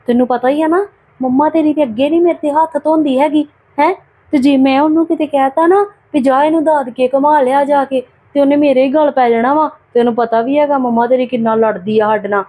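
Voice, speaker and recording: A woman playing a sickly, put-upon young aunt who talks softly and wearily to a child in an amateur family drama. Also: sits high, steady tone, a little fast, natural voice. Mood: complaining.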